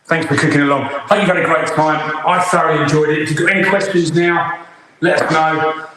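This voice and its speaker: A man's voice: on the high side, steady tone, a little fast, pushed and bright, very echoey, rough recording. A man, a head chef, chatting his way through a live cooking demonstration as he plates up food in a kitchen. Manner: chatty, talks while plating food. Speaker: head chef hosting a cookalong.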